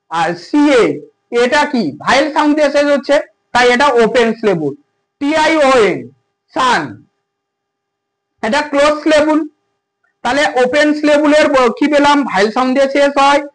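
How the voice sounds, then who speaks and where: A man's voice: very high-pitched, fairly bright tone, rough recording. A man teaching a grammar lesson, repeating points and checking understanding with questions. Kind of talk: grammar lesson explaining to students.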